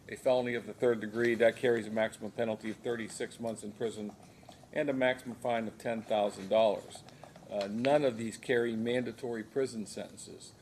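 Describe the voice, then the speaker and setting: American guy judge going through formal court questions, measured, some background noise. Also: mid-range voice, darkish tone. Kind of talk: formal plea hearing questioning. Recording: noisy courtroom recording.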